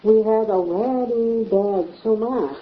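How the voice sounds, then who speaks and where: A woman's voice: mid-range voice, slow. Woman, echoey. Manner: earnest, explains with repeated phrases. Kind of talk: casual conversation. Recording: echoey room, dull lo-fi sound.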